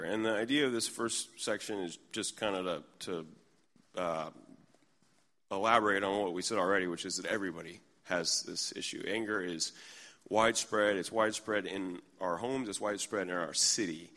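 A man's voice: on the low side, bright, forceful tone, long reverb tail. A middle-aged man preaching a sermon in a conversational, humorous way, telling everyday stories. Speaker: pastor. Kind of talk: sermon with storytelling. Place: church in New York.

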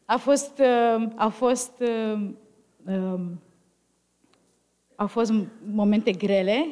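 A woman's voice: mid-range voice, very slow, a little mellow. Woman giving testimony in short phrases. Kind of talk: personal testimony with pauses for an interpreter.

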